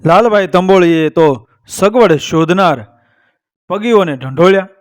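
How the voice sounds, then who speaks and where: A man's voice: high-pitched, unhurried. Man telling a folk tale. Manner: lively, proverb-laden storytelling. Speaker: storyteller.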